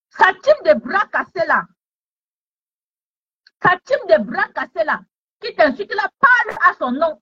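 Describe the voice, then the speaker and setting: Scolding woman with a lively high voice. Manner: scolding, repeats taunting questions. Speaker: online commentator. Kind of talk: heated social media commentary. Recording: dull lo-fi sound.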